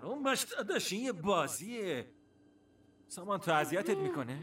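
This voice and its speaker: A man's voice: sits high, big pitch swings, a bit bright. A man dubbing a cocky young man who teases his friends and gets defensive. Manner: teasing, defensive, brash. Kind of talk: film dub. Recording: distant voice, music underneath.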